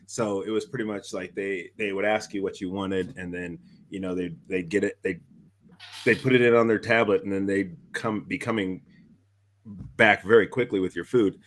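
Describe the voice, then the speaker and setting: Low-voiced laughing male co-host. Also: fairly even intonation, normal speed, a bit bright, slight background noise. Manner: laughs often while telling stories. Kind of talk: casual chat, telling anecdotes.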